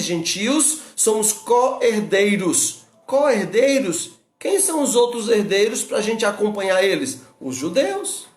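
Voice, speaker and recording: A man's voice: sits high, echoey room. A man with a Brazilian Portuguese accent, a pastor giving an earnest expository Bible study, asking rhetorical questions and repeating his exhortations.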